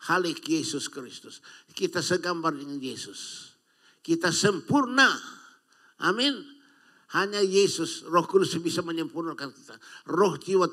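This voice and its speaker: A man's voice: on the high side, fairly bright tone. An older Indonesian man preaching a sermon, with calls and frequent amens to the congregation. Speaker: pastor.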